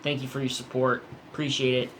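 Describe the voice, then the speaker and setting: A man hosting a casual live stream, rambling informally and keeping his voice quiet because it is night. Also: medium pitch, little pitch movement, a little fast, a little hiss or hum, low-quality recording. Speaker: live stream host of a comic collecting show. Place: room at home at night.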